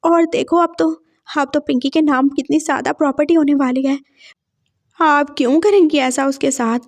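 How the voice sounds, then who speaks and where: A woman's voice: sits high, steady tone, moderate pace. A woman reading out a vengeful young man. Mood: anxious pleading. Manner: bitter, threatening inner monologue. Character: young man, vengeful, sweet to his face.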